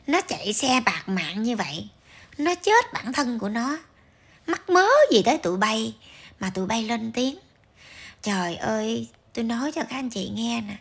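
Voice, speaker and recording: A woman's voice: fairly high pitch, vocal fry. A woman ranting to her viewers in a scolding, emphatic way, full of rhetorical questions. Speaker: vlogger commentator.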